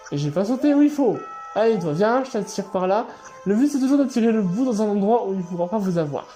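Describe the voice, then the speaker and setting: Excitable guy playing games, swearing. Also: sits high, fast. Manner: excitable, swears and yells at the game. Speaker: gaming channel host. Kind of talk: let's play commentary. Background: game music.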